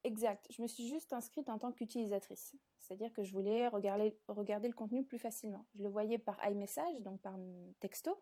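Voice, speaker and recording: Speaking a little fast with few pauses, a woman in her 20s from southern France guests on an interview as a content creator. Her medium-pitched voice has a dark tone, and her chatty answers are peppered with hesitations.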